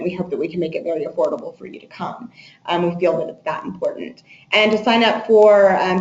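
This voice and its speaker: An admissions presenter gives an informational webinar, explaining with frequent hesitations. Her voice is fairly low, and the audio is muffled and echoey with slight background noise.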